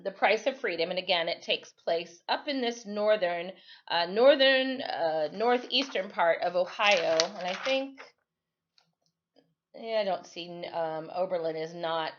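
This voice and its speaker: Here a fairly low-pitched but fairly bright female voice belongs to an American teacher reading a storybook to students. She keeps the lesson informal, explains as she goes, and corrects herself often, captured on a computer mic with dull audio.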